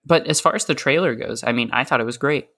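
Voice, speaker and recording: A man co-hosting a podcast in relaxed, casual chat, with an average-pitched voice. He rambles in an easygoing way and leans on fillers and hedges as he talks. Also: fast.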